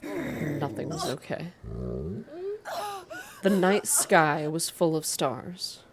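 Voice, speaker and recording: A woman with a deep voice hosts a video game reading channel, narrating in ASMR style and giving viewers casual updates. She draws out her words, and a crowd can be heard behind her.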